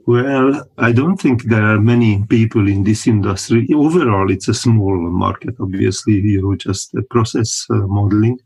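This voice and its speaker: A man in his sixties, from Hungary and speaking, answering interview questions in a calm, thoughtful way with pauses and the odd chuckle. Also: on the low side, breathy edge, rough recording. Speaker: guest, company founder. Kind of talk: casual interview talk.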